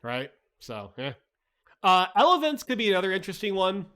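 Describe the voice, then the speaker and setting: A man's voice: sits high, wildly swooping pitch, a little fast, sharp tone, smooth. Chatty man hosting a casual stream. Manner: chatty, reads chat, frequent "like" and "right?"; blunt and profane. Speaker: livestream host. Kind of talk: casual market recap talk.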